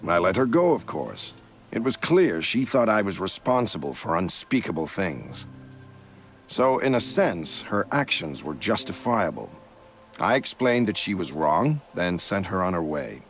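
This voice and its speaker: An actor playing a courteous, evasive male commander who smoothly denies wrongdoing. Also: sits low, big pitch swings, unhurried, soft background music, heavily acted. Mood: smooth denial.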